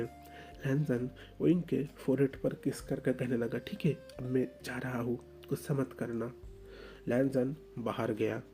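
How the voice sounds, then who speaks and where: A man narrating a fan fiction story in a plain, steady storytelling manner. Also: medium pitch.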